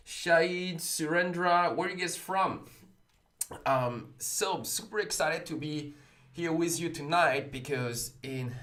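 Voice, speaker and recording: A man's voice: mid-range voice, a bit bright. A man from France with a French accent, hosting a casual livestream while recovering from the flu, upbeat and chatty with his chat. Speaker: livestream host.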